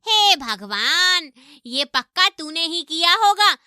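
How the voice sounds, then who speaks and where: A woman voicing a harsh, domineering middle-aged mother-in-law in an animated story, taunting and scolding her daughter-in-law. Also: extremely high pitch, takes it slowly, dry recording, clean studio sound, heavily acted.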